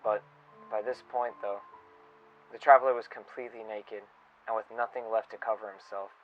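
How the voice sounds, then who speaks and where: In a dull lo-fi recording with music underneath, a man plays a wistful, reflective staff member narrating an audio log. His lowish voice stays fairly even and lightly acted as he tells a gentle, solemn story in a halting, pensive, sincere way.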